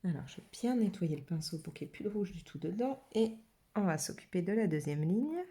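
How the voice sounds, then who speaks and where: Chatty French woman, low mellow voice. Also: expressive, a little fast. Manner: chatty, thinking aloud with many fillers. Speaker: watercolour channel host. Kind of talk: casual art demo narration.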